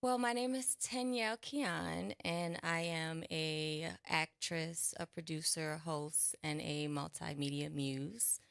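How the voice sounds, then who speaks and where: Gravelly bright-voiced New woman. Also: low-pitched, takes it slowly, few pauses, dry recording, studio quality. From New Orleans. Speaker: guest, actress and host. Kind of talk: casual radio interview.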